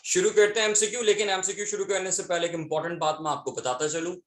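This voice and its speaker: A man's voice: high-pitched, steady tone, fast, a bit bright, reverberant. A male teacher with a Pakistani accent, reading exam questions and options aloud and mixing Urdu with English. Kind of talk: exam solution lesson.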